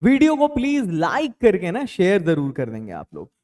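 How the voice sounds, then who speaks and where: Lively, high-pitched male English teacher. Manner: lively, repeats example sentences slowly; casual and playful teaching. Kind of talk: spoken English lesson in Hindi.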